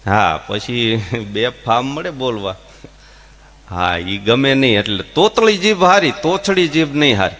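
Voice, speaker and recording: A man's voice: mid-range voice, a little slow. A man telling folk comedy stories, acting out voices and stammers. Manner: animated, acts out voices and stammers in jokes. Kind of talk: Gujarati folk comedy storytelling.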